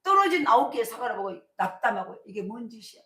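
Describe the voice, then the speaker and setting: A middle-aged woman pastor preaching a sermon, telling stories in a colloquial, animated way with emphatic bursts. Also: on the high side, fast talker. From South Korea. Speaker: senior pastor. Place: church sanctuary. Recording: echoey church sanctuary.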